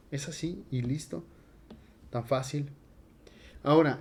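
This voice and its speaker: A man teaching Latin grammar in a relaxed, conversational classroom lecture, with frequent fillers. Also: on the high side. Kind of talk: casual classroom lecture at a board.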